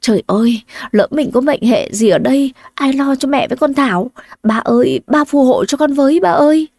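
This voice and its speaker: A woman's voice: on the high side, normal speed, gravelly, warm tone, dry recording, studio quality. A woman voicing a hardworking young woman who sells food from her boat. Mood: desperate. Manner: muttering, desperate.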